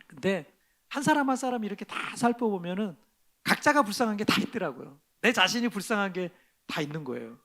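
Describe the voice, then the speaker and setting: A middle-aged male pastor preaching in a church, his voice pitched high with a gravelly edge. He talks in a conversational, self-deprecating way and swings from hushed lines to loud ones. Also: lively intonation, a little fast. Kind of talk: sermon. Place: church sanctuary.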